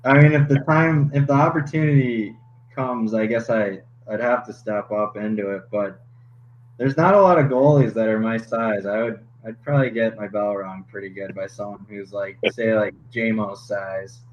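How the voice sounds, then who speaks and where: A young man, a hockey goalie guest on a podcast, chatting casually and laughing often, with halting restarts. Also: fairly low pitch. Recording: slightly dull podcast audio with faint noise.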